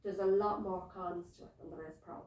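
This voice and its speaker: A woman's voice: on the low side, steady tone, brisk, darkish tone. An Irish woman talking candidly and informally in a casual, unscripted podcast chat. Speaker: podcast co-host. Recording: echoey room, distant mic.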